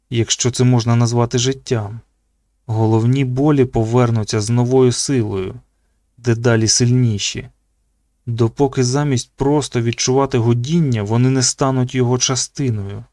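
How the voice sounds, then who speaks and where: Steady male audiobook narrator, dry sound. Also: medium pitch, no echo.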